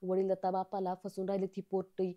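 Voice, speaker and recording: A woman's voice: medium pitch, monotone, fast talker, muffled recording, natural voice. A woman voicing a middle-aged village sister-in-law who wails and scolds in a melodramatic outcry. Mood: outraged wailing.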